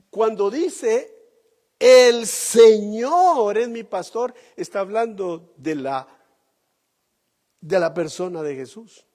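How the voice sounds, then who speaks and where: A male pastor preaches slowly and emphatically, pausing on rhetorical questions to the congregation. His voice sits high and swings widely in pitch. The sound carries a long hall reverb. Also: a little mellow. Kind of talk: sermon.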